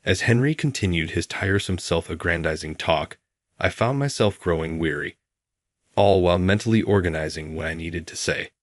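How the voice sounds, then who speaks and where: A man reading a scripted story as narrator, calm and measured. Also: sits low, dry recording, clean studio sound.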